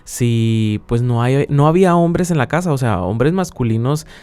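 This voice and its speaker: A man's voice: mid-range voice, animated, normal speed, a little mellow, clear, resonant tone. A man co-hosting a podcast, telling paranormal stories in a casual, conversational way. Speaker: podcast co-host.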